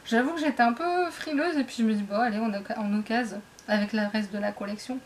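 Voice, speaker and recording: A woman's voice: fairly high pitch, fast talker, a little hiss or hum. Chatty young woman rambling through a book haul. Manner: rambling, self-interrupting, chatty. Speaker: book vlogger. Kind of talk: casual book haul vlog. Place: indoors at home, dim light. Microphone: camera facing her.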